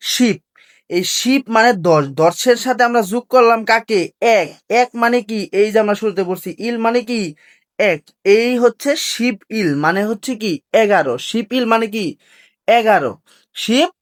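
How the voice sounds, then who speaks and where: Woman teaching Korean numbers. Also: fairly high pitch. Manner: repeats each point as a question and answers it. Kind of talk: classroom lesson.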